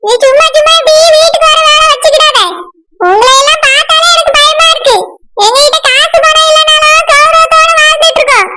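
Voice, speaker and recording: A woman plays a stern, controlling village mother in a cartoon, scolding in a Kanyakumari accent. The voice is pitched extremely high and squeaky. Heavy noise runs under the recording. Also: fairly even intonation, fairly quick. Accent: Kanyakumari Tamil. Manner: scolding, commanding. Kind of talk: cartoon voice acting.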